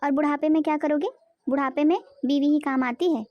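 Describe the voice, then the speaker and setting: A woman's voice: high-pitched, fairly even intonation, fairly quick, dull audio, lightly acted. A woman voicing a young village wife in a cartoon, insistent and complaining. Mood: pleading. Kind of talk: cartoon voice acting.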